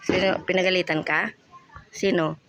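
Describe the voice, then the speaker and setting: A man's voice: high voice, flat delivery, moderate pace, sharp tone, slight background noise. A man hosting a casual vlog, teasing and fussing over someone and firing off questions. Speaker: vlogger host.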